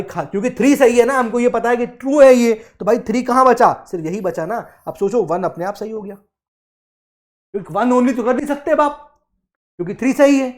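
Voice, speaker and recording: A young adult man teaches an exam prep lesson in a mix of Hindi and English, speaking emphatically and coaxing his students. His voice sits high with a darkish tone, and he slows down when reading English quotes aloud.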